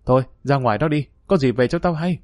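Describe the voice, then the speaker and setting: Gruff older boss, blunt and curt, man voicing him, dry sound. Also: mid-range voice, fast, darkish tone, no room sound, natural voice.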